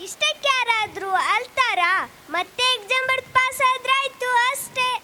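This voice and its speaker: A woman's voice: very high-pitched, moderate pace, heavy background noise. A girl playing a reassuring teenage friend in a school drama. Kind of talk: amateur school stage drama.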